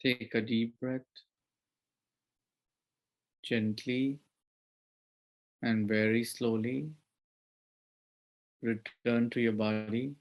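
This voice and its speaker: A man guides a meditation in a slow, unhurried voice with a gravelly, creaky edge. He gives soft, measured instructions and leaves long pauses between them. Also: medium pitch, little pitch movement, rough recording.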